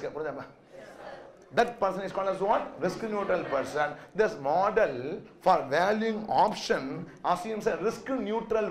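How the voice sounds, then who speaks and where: A middle-aged man with a South Indian Tamil accent, lecturing a class emphatically, repeating each point as a question and answering it himself. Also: high-pitched. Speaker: finance lecturer. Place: indoor lecture room, echoing. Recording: roomy classroom echo.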